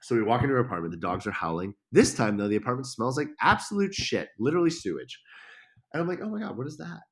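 Animated young man telling a story. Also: mid-range voice, quick pace. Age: young adult. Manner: animated, swearing, acts out quoted lines. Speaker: podcast guest. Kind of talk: casual storytelling.

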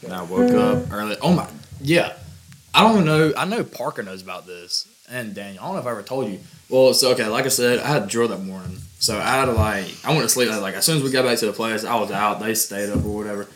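Fast-talking southern guy telling stories. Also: on the low side. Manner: animated storyteller, drawling with fillers. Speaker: podcast co-host. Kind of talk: casual chat.

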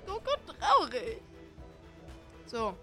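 Bright, lively woman teasing through a game. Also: high-pitched, drawn-out words, faint music behind. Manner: playful, teasing and taunting. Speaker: let's play host. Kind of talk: casual gaming commentary.

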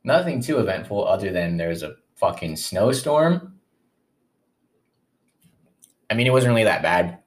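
Low-voiced young man chatting while chewing. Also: big pitch swings, normal speed. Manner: casual and profane, rambling asides; talks while chewing breakfast. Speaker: podcast host. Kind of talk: casual solo podcast chat.

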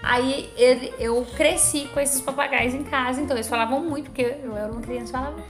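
A woman with a Brazilian accent, co-hosting a casual chat, talkative and quick to share her own stories. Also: sits high, steady tone, echoey room, over music. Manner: chatty, talkative.

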